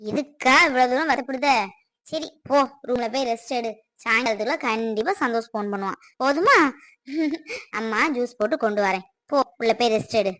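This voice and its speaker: A woman's voice: a little high, brisk, a bit bright, dry recording, natural voice. A woman playing a protective middle-aged mother who talks in a consoling yet scolding way, in a family skit.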